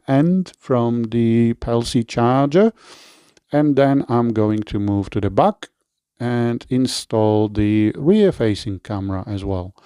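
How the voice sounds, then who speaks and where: A Polish-accented man casually reviews a product and shows how to install it, sprinkling in fillers and frequent self-corrections. His clear, resonant mid-range voice comes through at studio quality without any echo.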